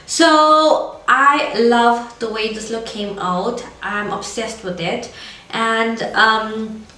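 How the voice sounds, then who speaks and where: A beauty vlogger with a cold speaks in a scratchy, congested voice that is a little high, very slow, bright, and forceful. She rambles casually through a makeup review, recorded far from the mic in an echoey room with faint noise.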